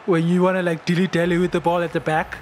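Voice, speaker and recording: A man giving casual gameplay commentary, excitable, laughing often and shouting at big plays. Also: high voice, quick pace. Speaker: gaming channel host.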